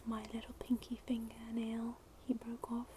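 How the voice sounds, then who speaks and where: A woman speaking very softly and breathily in a casual, hesitant ASMR chat to viewers, in a hushed near-whisper. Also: on the high side, monotone, normal speed. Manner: very soft, breathy, hushed delivery. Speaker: ASMR video creator. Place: indoors at a wooden table. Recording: clicky tapping noise over close voice. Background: fingernail tapping and scratching on glass bottle.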